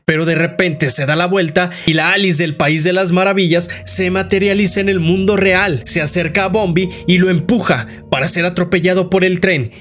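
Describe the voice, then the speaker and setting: Man, slightly hoarse, slangy game-lore narration, pitched a bit high, faint music underneath. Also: fairly bright tone. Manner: slangy, outspoken, addresses viewers directly. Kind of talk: casual narrated game story summary.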